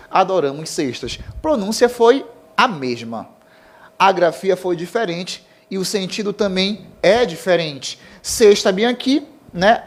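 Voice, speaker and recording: A man from Brazil teaching a recorded grammar lesson, stressing key terms slowly and checking in with his students. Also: sits high. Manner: explanatory, checks in with "certo?" and "tá bom?".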